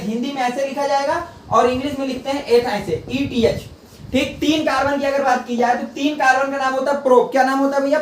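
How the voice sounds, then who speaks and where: High-voiced male teacher drilling terms. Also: a little hiss or hum. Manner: rhetorical call-and-response questions; repeats key terms for drilling. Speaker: chemistry teacher. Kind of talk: classroom lecture. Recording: echoey room, voice from a distance.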